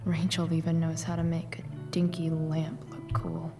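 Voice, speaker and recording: A guarded, rebellious teenage girl muses to herself in a video game. Her voice sits a little low, with dry, understated delivery over clearly audible music. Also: monotone, normal speed. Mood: subdued, pensive. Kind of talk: video game character's inner monologue.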